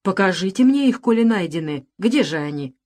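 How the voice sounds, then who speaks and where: A woman voicing a calm, insolent male valet who speaks in an unruffled, sneering way. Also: medium pitch, fairly quick, lightly acted. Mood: mocking.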